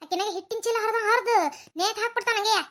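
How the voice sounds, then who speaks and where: A woman voicing a sharp-tongued, defiant young village wife in a cartoon comedy, talking in a North Karnataka Kannada accent and firing back scolding retorts. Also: very high voice, fairly even intonation, fast. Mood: indignant.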